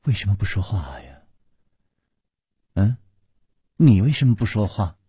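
A man storyteller voicing a quick-tongued young princess who teases and questions impatiently. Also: on the low side, very animated, mellow, breathy edge, no echo, studio quality, full character voice.

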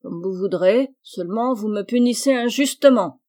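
A woman's voice: medium pitch, moderate pace, warm tone, lightly acted. A woman reading the part of a sullen peasant soldier orderly who whines that he is blamed unjustly. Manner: whining, sullen protests of innocence. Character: sulky peasant soldier orderly, male, adult.

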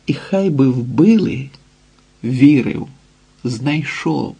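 A male narrator reads a literary novel slowly, pausing for effect. His voice is dark and mellow, with a husky grain. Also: medium pitch, lively intonation. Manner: measured, with dramatic pauses. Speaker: audiobook narrator.

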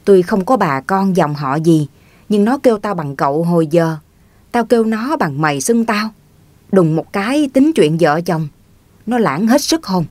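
A woman's voice: fairly low pitch, lively intonation, a little slow, darkish tone, no room sound. A woman reading the part of a touchy, stubborn grown man from the countryside who grumbles defensively. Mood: grumbling.

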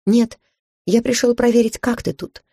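A gentle young man, sad and sympathetic, speaks to someone he loves, as a woman reads his lines. The voice is low and mellow, recorded close and dry. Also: steady tone, normal speed, gravelly, slightly rough, no room sound. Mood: concerned.

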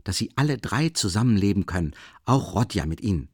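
Eager helpful young friend, read by a male narrator, lively delivery, dry sound. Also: lowish voice, brisk, slightly rough, no room sound.

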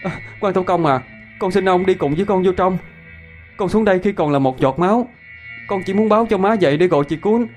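A man voicing a small ghost child who pleads urgently in a high voice. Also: a little fast, darkish tone, soft background music, close to an everyday voice. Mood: pleading.

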